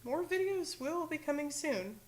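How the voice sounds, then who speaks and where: A woman's voice: high voice, animated, unhurried, a little mellow, slight background noise. A woman streaming, chatting casually in a rambling, hesitant way with lots of filler words and self-corrections. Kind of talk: casual livestream chat.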